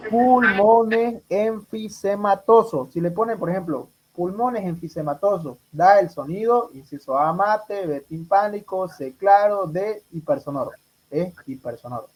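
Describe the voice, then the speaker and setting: A man's voice: high-pitched, expressive, moderate pace, darkish tone, low-quality recording. A man runs an exam review for medical students. He fires questions at the class and repeats each answer back to them. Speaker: medical tutor.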